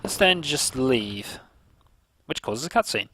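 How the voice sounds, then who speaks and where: Male let's play host: wry casual commentary, bright tone, varied intonation. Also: mid-range voice, animated, slow pace.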